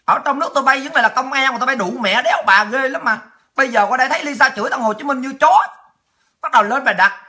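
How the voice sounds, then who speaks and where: A woman's voice: sits high, very fast, bright, forceful tone. Profane, taunting woman ranting. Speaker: political livestream host. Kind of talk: angry ranting monologue.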